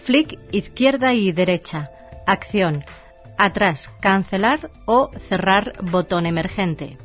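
A woman with a medium-pitched voice reads an instruction manual. She delivers it formally as a series of short labelled items. There is faint music in the background. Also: animated, slow. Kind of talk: scripted instructional narration.

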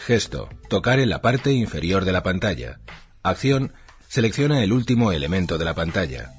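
A low-voiced man narrates an instruction manual. His intonation swings noticeably while he reads short labelled items formally. Faint music plays behind him. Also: big pitch swings, moderate pace, husky.

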